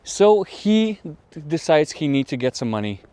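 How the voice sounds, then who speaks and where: A man co-hosting a podcast, retelling a plot in a halting, rambling way while strolling outdoors. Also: a little high, sing-song, dark tone, smooth, no room sound. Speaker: podcast co-host. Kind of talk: casual chat while walking.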